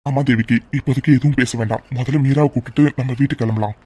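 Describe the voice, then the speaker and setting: A voice actor playing a steady middle-aged father in a cartoon dub, calm and commanding. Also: mid-range voice, racing, breathy edge, lightly acted.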